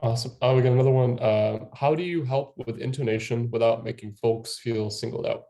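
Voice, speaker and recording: A man co-hosting a video call who reads out audience questions in a hesitant, halting way. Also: mid-range voice, fairly even intonation, gravelly, mellow. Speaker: co-host reading audience questions. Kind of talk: casual video-call chat.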